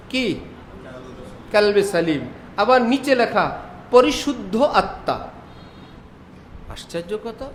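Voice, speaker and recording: A man preaching a sermon, full of rhetorical questions and lively imitations of Arabic pronunciation. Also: extremely high pitch. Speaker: Islamic preacher. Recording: faint background noise.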